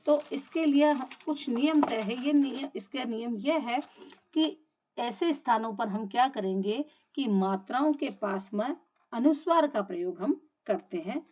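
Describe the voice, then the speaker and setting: A woman teacher giving a grammar lesson, explaining step by step and asking and answering her own questions, drawing out example words slowly. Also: fairly high pitch, animated, a little mellow. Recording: dull lo-fi audio.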